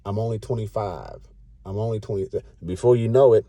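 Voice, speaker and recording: Late-30s male vlogger, blunt and preachy, dark mellow voice, dry recording. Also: on the low side, brisk, no room sound. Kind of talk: casual rant to camera.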